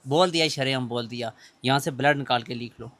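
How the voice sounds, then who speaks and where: A man's voice: medium pitch, a little fast, fairly bright tone. A middle-aged shopkeeper man speaking outdoors in a market lane, pleading and emphatic in a street interview.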